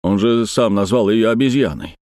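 A man voicing a worried older sailor in a storybook reading, low and muttering. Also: moderate pace, darkish tone, no echo, clean studio sound, close to an everyday voice.

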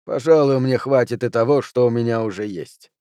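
A man voicing a cool, unflappable card sharp in an audiobook, speaking quietly and measured. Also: mid-range voice, clean tone, no echo, close to an everyday voice. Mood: cold. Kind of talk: audiobook character reading.

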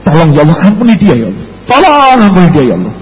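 A man's voice: high voice, animated, quick pace, a bit bright. A man voicing a humble, pious male cleric who speaks earnestly, with a Javanese accent. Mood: prayerful. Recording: echoey hall, faint background noise.

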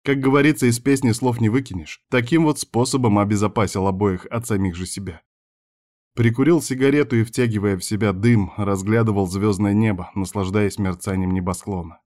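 Low-voiced male audiobook narrator. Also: a little mellow. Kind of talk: first-person audiobook narration.

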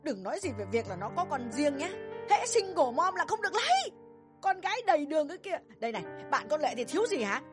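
A woman voices a furious, bossy middle-aged mother in an audio drama, scolding her son without pause. Her high, shrill voice swings widely in pitch as she fires off fast tirades, with faint music underneath.

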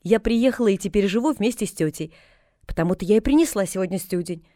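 Reading from a storybook, a woman voices a cheerful, chatty young girl who gushes with eager, bright excitement. The character's voice is pitched high over a mellow, warm timbre and moves fast. The recording is dry and close, and the voice sounds natural.

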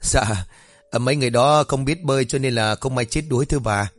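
A man voicing a kind young stranger who talks in a polite, gentle, deferential way. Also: medium pitch, brisk, dry recording, natural voice.

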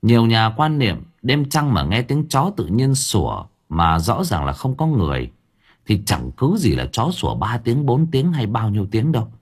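Husky lively male audiobook narrator. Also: mid-range voice, normal speed. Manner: storytelling narration with varied intonation.

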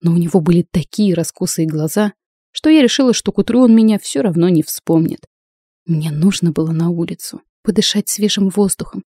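A woman reads a first-person fantasy novel aloud, voicing the heroine with expressive energy. Her tone is mellow and warm. The recording is dry and close, with no room sound. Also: lowish voice, brisk, slightly rough, no echo. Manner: expressive, acts out the heroine's lines. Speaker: audiobook narrator.

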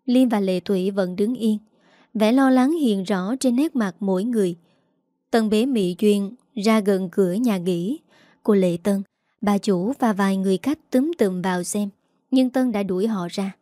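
Audiobook narrator: woman, mid pitch, warm and steady, dry close sound. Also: measured pace, no echo.

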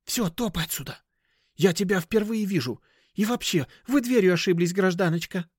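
Man doing a hissing middle-aged woman dealer, hushed whisper, high pitch, snappish and nervous, dry close sound. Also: animated, normal speed, slightly rough, dry recording. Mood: nervous snapping. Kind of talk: audiobook character voice.

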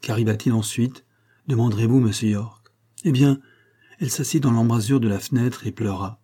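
A man reading a classic novel aloud as an audiobook, in a measured, even literary delivery. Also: mid-range voice, husky. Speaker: audiobook reader. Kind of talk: scripted narration of a novel.

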